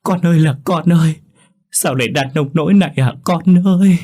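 A man's voice: fairly low pitch, normal speed, slightly rough. A man voicing an old mother who wails over her daughter and then swears revenge, in a narrated ghost story. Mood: wailing grief. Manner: wailing, then cursing in fury. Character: grieving old mother, frantic then vengeful.

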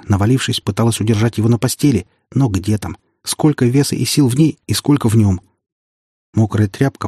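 A man narrates a first-person audiobook in a steady, matter-of-fact way. His voice is fairly low and husky. The recording is close and dry with no room sound. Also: no echo.

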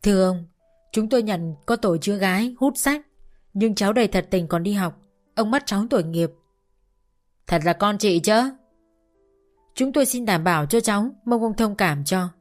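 A woman's voice: medium pitch, normal speed, long pauses, faint music behind, close to an everyday voice. A woman voicing a desperate middle-aged mother who begs the police to spare her family. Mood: begging. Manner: pleading, begging.

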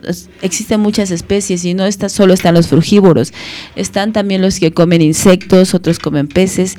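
A woman, a community radio host reading a children's story and explaining it in a gentle, teacherly way. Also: on the low side. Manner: gentle, teacherly, many fillers.

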